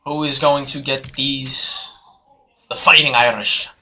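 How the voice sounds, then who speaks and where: A man hosting a live sports card break, calling auction bids in hyped, fast patter. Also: mid-range voice, steady tone, bright, forceful tone. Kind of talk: live sales commentary.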